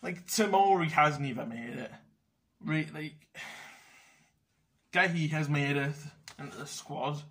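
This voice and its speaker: A man's voice: fairly high pitch, takes it slowly, fairly bright tone. A young man ranting casually about football selections, blunt and sweary. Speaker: football fan vlogger.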